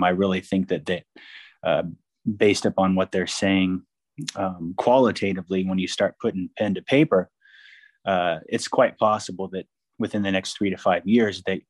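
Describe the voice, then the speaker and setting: Low-voiced man giving financial commentary. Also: dry recording. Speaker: investment analyst guest.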